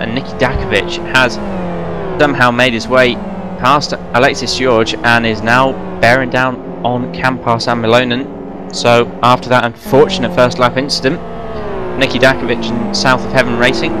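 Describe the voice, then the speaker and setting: Guy doing live race commentary, keeps talking, fixes his slips, loud car engines roaring behind. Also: mid-range voice, flat delivery, background noise. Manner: fast, running play-by-play with self-corrections. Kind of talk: live sim-racing play-by-play commentary. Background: racing car engines.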